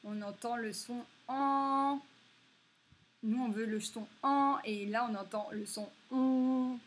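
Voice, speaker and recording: A woman teaching a reading lesson to young children, slowly stretching and stressing each example word. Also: on the high side, fairly even intonation, breathy edge. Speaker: primary school teacher.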